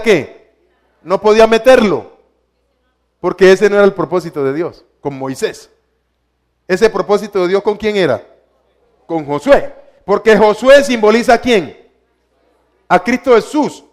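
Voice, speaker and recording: A male preacher giving a teaching sermon, quizzing his listeners with rhetorical questions and repeating key words. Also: high voice.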